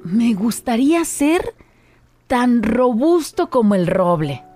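Woman doing a melancholy talking cedar, lowered voice, lively pitch. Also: takes it slowly, faint music behind, full character voice. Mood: wistful. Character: sad slender cedar tree wishing for strength.

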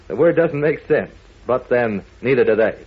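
A man's voice: mid-range voice, expressive, measured pace, phone-quality sound, noisy background. A man working as a 1940s radio announcer, speaking to young listeners in a folksy, emphatic way.

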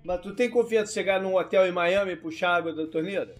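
A man cuts in quickly and insists on his point in casual chat. His voice is quite high, with faint music in the background.

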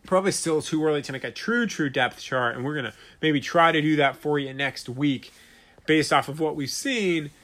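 With a fairly high, slightly bright voice at a moderate pace, this late-thirties man hosts a sports podcast alone. He delivers commentary and host-read ads in an emphatic, conversational way, restating points for stress.

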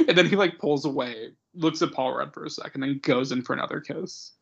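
A man's voice: mid-range voice, brisk, vocal fry, breathy edge, muffled recording. A man co-hosting a podcast, talking enthusiastically with lots of laughter and casual swearing. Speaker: podcast co-host. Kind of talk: casual chat.

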